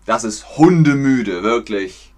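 A man from Germany teaching German on a livestream, explaining slowly, clearly and patiently. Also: medium pitch, animated, a little mellow. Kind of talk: livestream language lesson.

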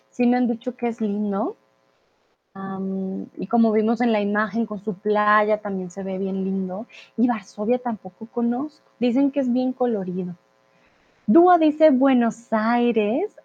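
A woman from Colombia teaching Spanish in a live online class, reading out viewer comments and slowly stressing key words. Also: mid-range voice, darkish tone, muffled recording. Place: Mexico.

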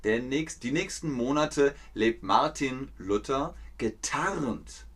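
A man teaching a history lesson to learners, explaining words slowly and acting out scenes with sound effects and voices. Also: medium pitch, expressive, a bit bright. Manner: repeats phrases to explain words. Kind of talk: slow, playful explanation for learners.

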